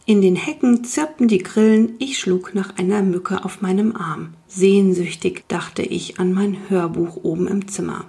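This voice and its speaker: A woman's voice: mid-range voice, unhurried, creaky, hardly any pauses, dark tone. Woman reading a children's audiobook. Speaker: audiobook reader. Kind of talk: scripted first-person narration.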